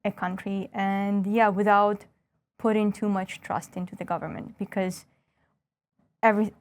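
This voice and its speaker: A woman's voice: mid-range voice, level tone, unhurried. A woman in her thirties from northwest Ukraine, a stand-up comedian with a Ukrainian accent, chatting as an interview guest with wry, self-mocking jokes. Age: 30s. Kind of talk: casual interview chat.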